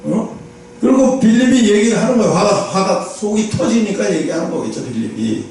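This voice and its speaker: High-voiced pastor preaching in an echoey hall. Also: male voice, a little fast, gravelly. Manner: animated storytelling with dialogue voices. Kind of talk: sermon. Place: church sanctuary. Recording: echoey church hall from far off.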